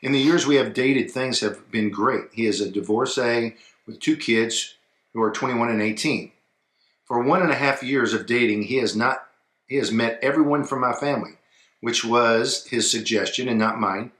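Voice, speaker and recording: A man co-hosting a casual advice chat, talking in a relaxed way that trails off quietly, and reading a viewer's email aloud. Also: medium pitch, normal speed, echoey room. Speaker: co-host of an advice show.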